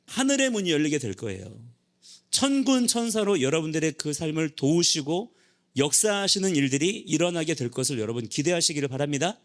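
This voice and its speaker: A male pastor delivers a sermon in a fairly high voice that rises and falls in wide, lively swings. He keeps pressing his listeners with rhetorical questions and answers them himself, urging them on. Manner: exhorting with many rhetorical questions. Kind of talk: sermon to a young adult congregation.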